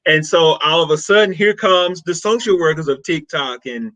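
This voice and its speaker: A man from Mississippi speaks with a Southern drawl in a fairly high register. He chats animatedly as a podcast guest and fills pauses with "uh" and "you know". The recording is close and dry. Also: lively intonation, fairly bright tone, no echo. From Mississippi, USA. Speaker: podcast guest, social worker. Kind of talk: casual podcast conversation.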